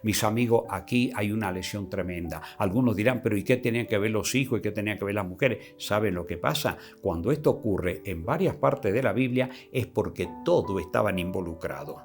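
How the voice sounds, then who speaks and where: Man, sermon, booming scripture readings, soft low asides, faint music underneath. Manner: swells loud and slow when reading scripture, drops soft in reflection. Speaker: preacher.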